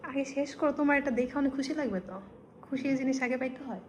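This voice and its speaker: Home vlogger from Bangladesh, woman, mellow and a bit high, chatty with viewers. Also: rapid-fire, slight background noise, poor audio. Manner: chatty, keeps asking viewers "okay?", hushed when sneaking. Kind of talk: casual vlog to camera. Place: home in Singapore.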